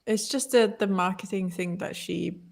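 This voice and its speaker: A Malay-speaking woman co-hosts a podcast, chatting casually and opinionatedly with lots of restarts. Her voice is mid-range and creaky, with a steady tone and moderate pace. She's talkative and keeps restarting her sentences.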